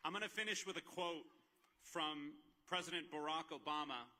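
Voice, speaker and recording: A man's voice: on the high side, moderate pace, a little hiss or hum. A man, a university president, giving a commencement speech, earnest as he lists his thanks. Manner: earnest, listing thanks at a steady clip. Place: outdoor graduation ceremony over a PA.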